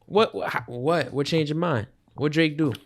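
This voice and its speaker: A man's voice: fairly high pitch, vocal fry. A young man co-hosting a casual podcast, teasing his friend in easygoing banter. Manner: easygoing, teasing, quick to laugh, trailing restarts. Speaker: podcast co-host. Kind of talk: casual chat about music.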